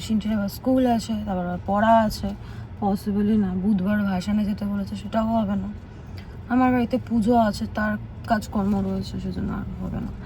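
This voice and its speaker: A woman's voice: mid-range voice, fairly even intonation, a little fast, mellow, slight background noise, rough recording. A woman, chatting casually to her viewers in a vlog about her day. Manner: chatty, complaining about heat and tiredness. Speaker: vlogger.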